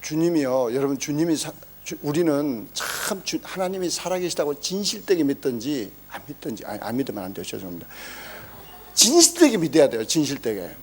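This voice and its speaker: Animated Korean-speaking male preacher. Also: a little high, brisk, few pauses, slightly rough. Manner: animated storytelling, acts out quotes; emphatic exclamations. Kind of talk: sermon testimony.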